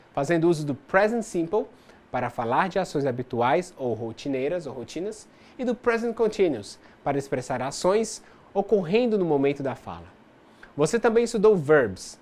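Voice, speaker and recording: A teacher with a Brazilian accent delivers a scripted distance-learning lesson on English. They explain grammar and pronunciation step by step in a didactic way, dropping in English example words. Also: mid-range voice. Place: studio.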